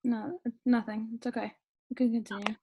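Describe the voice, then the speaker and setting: A woman's voice: a little high, little pitch movement, moderate pace, lo-fi sound, background noise. A woman, a nursing student, asking hesitant questions on a video call. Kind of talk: class discussion.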